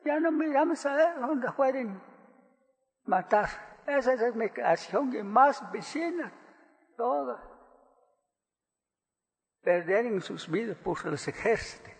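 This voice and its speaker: An older man from Guatemala giving halting, soft-spoken testimony as a witness in court. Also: very high-pitched, expressive, vocal fry, in a large hall.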